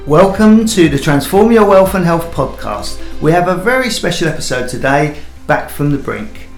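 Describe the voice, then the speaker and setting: A man's voice: fairly high pitch, very animated, normal speed, vocal fry. A man hosting an interview podcast, prompting his guests with short, encouraging replies. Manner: brief encouraging backchannels. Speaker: podcast host. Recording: roomy sound with faint music.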